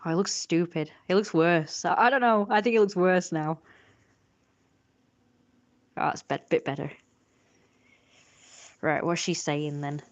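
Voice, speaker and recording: Drawing live on stream, a woman rambles through casual chat and criticizes her own work. Her voice is on the low side and her pace is measured, with long pauses, and the audio sounds dull.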